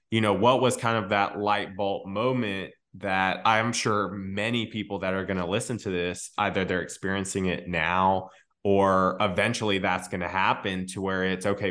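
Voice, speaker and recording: A man with a fairly low voice hosts a podcast interview. He speaks in loose, searching sentences, full of "uh" and restarts as he frames his questions. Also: steady tone, moderate pace, a bit bright. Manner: hesitant, many fillers and restarts. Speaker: podcast host.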